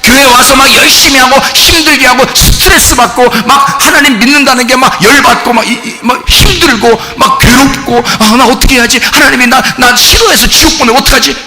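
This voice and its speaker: Animated high-pitched male preacher in a hall. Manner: animated preaching, acting out quoted voices. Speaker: pastor. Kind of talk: sermon. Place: church sanctuary. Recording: reverberant church hall with faint noise.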